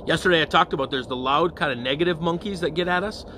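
A male parish priest speaking in a slightly high voice, with a faint hum of noise in the background. He gives a relaxed evening prayer reflection and often pauses to check in with his listeners. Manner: conversational, often checks in with "okay?" and "all right?".

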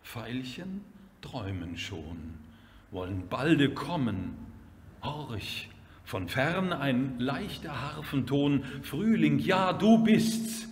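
An older man, the gallery owner, reciting spring poems in a measured, lilting way. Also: a little hiss or hum. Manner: measured, lilting, with lively pitch. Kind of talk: slow, expressive poetry recitation. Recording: long hall reverb.

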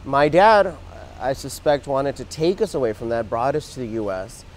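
A man in his thirties, originally from Mexico and raised in Texas, earnestly tells his story in a casual interview, using his hands as he speaks and often backing up to restart. His medium-pitched voice has lively intonation and a moderate pace. The lapel-mic recording from an outdoor garden plaza is poor and carries slight background noise.

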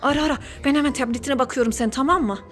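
A woman's voice: high-pitched, very fast. A woman acting as a mother in a staged family skit at home, gasping and scolding as she talks to her child. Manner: exclamatory and scolding, with gasps.

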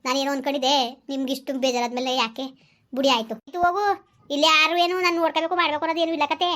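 A high-pitched woman rattles off village comedy dialogue at a brisk clip. Her talk is scolding and taunting, the banter of a household quarrel played for laughs. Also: level tone, pushed and bright. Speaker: village comedy skit performer. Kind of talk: rural comedy skit, bickering dialogue.

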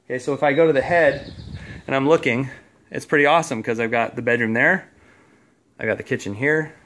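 A man's voice: medium pitch, fairly bright tone. A man explaining heating work, casual. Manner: hands-on, explaining with many fillers. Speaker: heating and cooling installer. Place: indoors in a home.

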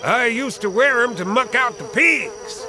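Brief: cartoon fire chief, very high bright voice, bossy and blustery, faint hiss. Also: male voice, unhurried. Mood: folksy. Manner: blustery, commanding. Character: bossy cake-loving male fire chief. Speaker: fire chief training a recruit.

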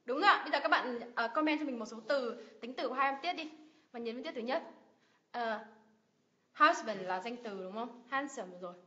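A woman's voice: a little high, a little fast, sharp tone. A Vietnamese woman teaching English pronunciation on a livestream, drilling words with strong stress and asking viewers questions. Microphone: livestream mic. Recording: dull lo-fi livestream audio.

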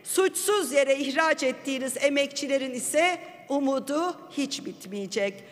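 A woman's voice: sits high, lively intonation, measured pace. A woman member of parliament giving an impassioned, accusatory speech at a rostrum microphone in a large chamber, repeating her phrases for force. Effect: speaking at a rostrum microphone. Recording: long reverb of a large hall.

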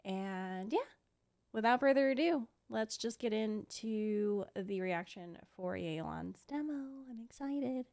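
Speaking slowly and expressively, this young adult woman has a mid-range voice that is gravelly and a little mellow. She sounds tired and has a slight lisp as she chats casually while reacting to game trailers on stream, using a close desk mic with a headset in a small room at home.

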